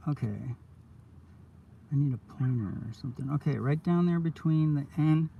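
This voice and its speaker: A man chatting casually on a live stream in his van, rambling and excitable, full of "dude" and "oh my God", sounding stoned. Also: fairly high pitch, fairly quick, creaky, distant mic, dull audio, a little hiss or hum. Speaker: coin roll hunter streaming live.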